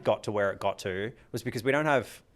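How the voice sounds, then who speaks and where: Rambling man, low voice. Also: fast talker. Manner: rambling, self-interrupting, often laughing. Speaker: podcast co-host and club organiser. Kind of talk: casual podcast chat.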